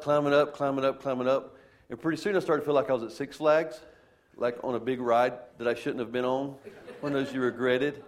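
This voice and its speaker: A man, a pastor, preaching a sermon and telling a funny, self-deprecating story to his congregation. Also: medium pitch. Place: church.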